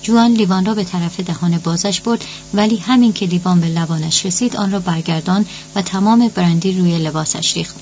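A woman with a lowish voice reads a novel aloud in an even, measured way. The recording is dull and lo-fi. A faint hiss runs underneath. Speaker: audiobook narrator. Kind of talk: scripted narration.

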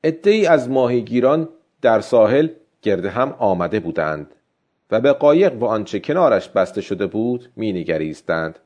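A man reading a story aloud as an audiobook narrator in a measured, expressive way. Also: lowish voice, lo-fi sound.

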